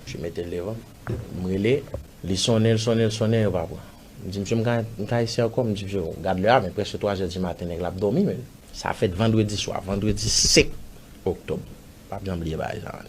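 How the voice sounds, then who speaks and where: Man, Haitian accent, low voice, rambling storytelling, acts out dialogue, faint background hiss. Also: brisk. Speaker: interviewee telling a personal story. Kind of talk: casual spoken storytelling.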